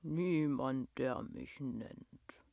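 Naeratus, a woman doing a rumbling cave beast. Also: gravelly, dry recording, full character voice. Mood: sad. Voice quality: deep rumbling. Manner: slow, halting, speaks of others in third person. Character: huge gentle furry cave monster, slow and simple.

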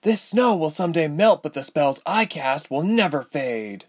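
A man's voice: fairly high pitch, lively intonation, moderate pace, pitched above the performer's own voice. A man voicing a defiant young woman captive who sneers and spits her words.

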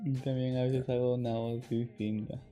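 A man's voice: mid-range voice, flat delivery, moderate pace, mellow, faint music behind. A young man, co-hosting a podcast, telling stories in slangy, teasing chat. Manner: slangy, teasing, tells stories with quoted voices. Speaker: podcast co-host. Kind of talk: casual chat.

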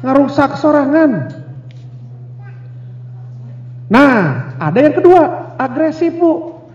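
A man giving a lively seminar talk on communication. He asks the audience questions and acts out little scenes. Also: very high voice, slow pace. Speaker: speaker on family communication. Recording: echoey hall, dull lo-fi sound.

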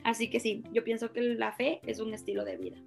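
A young woman from Ecuador in her twenties, a youth pastor, speaking warmly and earnestly as a podcast guest. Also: a little high, fairly even intonation, a little fast, gravelly, soft background music. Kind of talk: interview conversation.

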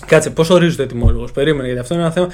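A young man in casual chat as a podcast co-host, brash and swearing, with quick comebacks. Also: medium pitch, a little mellow, slight background noise.

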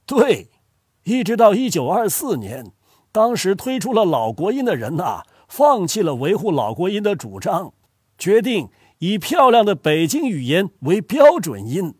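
An older man from Hubei explains dialects to a child as a grandfather in a scripted lesson. His voice is husky and sits high. He swings up and down in pitch with great animation. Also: measured pace, no echo, clean studio sound. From Hubei, China. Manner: animated storytelling, chuckles often. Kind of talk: scripted educational dialogue.

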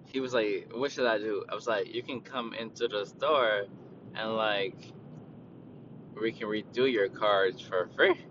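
A man unloads about retail customers in a slow, drawling, profane storytelling ramble, his voice bright and edgy. The sound is dull and lo-fi, with a faint vehicle rumble underneath. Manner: profane, laid-back, quotes people in a raised voice. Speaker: retail worker. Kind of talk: casual storytelling rant.

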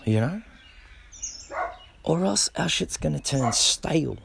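A man's voice: fairly high pitch, animated, slow pace, creaky, background noise. A middle-aged man who breakdances, talking to camera in a laid-back, rambling way, swearing freely and repeating words. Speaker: b-boy. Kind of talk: casual monologue to camera.

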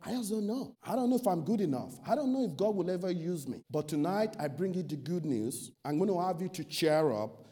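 Male preacher, high voice with a warm dark tone, emphatic sermon delivery. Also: expressive, brisk. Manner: emphatic preaching with rhetorical questions and lists.

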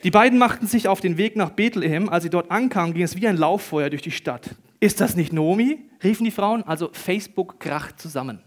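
A middle-aged male pastor preaching a sermon, swinging between hushed, intimate tones and loud, excited bursts. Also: high-pitched, a little fast, few pauses.

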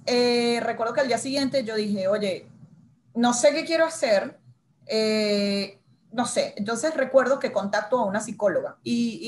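A woman in her thirties, a journalist, telling her own career story as an interview guest and acting out her inner dialogue with animated quoted lines. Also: on the high side. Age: 30s.

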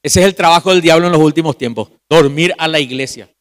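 A man preaching a sermon at a youth meeting as pastor, calling his listeners brother and asking rhetorical questions, with big swings between loud emphasis and hushed, drawn-out phrases. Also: on the high side.

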